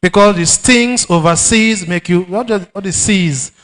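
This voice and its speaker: A man with a Nigerian accent hosting a live event, joking and teasing the crowd and often shouting. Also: high-pitched, unhurried. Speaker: master of ceremonies. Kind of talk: lively event hosting with banter.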